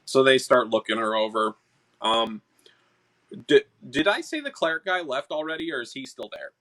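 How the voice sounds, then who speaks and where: A man's voice: mid-range voice, lively intonation, moderate pace, a bit bright. A man casually narrating as game master of a tabletop game, with lots of filler words. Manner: casual, filler-heavy, laughs often.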